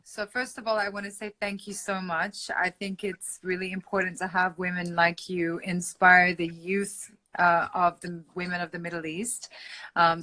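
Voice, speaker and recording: A woman's voice: fairly low pitch, pushed and bright, rough recording. A woman from Iran, a singer, chatting as an interview guest over an online video call, effusive and affectionate, with lots of "like" and "um". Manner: effusive and affectionate, with many "like" and "um" fillers. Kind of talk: casual interview chat.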